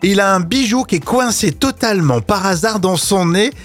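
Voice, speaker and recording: A man's voice: high-pitched, lively intonation, normal speed. A man co-hosting a casual morning radio show in a studio, chatty and teasing, often joking with his co-host.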